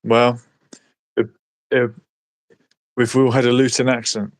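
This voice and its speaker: A man with a London accent chats casually on a talk show. He rambles and hesitates, restarting his sentences often. His pitch is mid-range, and the sound is dry and close. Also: little pitch movement, slow pace, dry recording. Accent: London English. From West London. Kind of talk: casual chat.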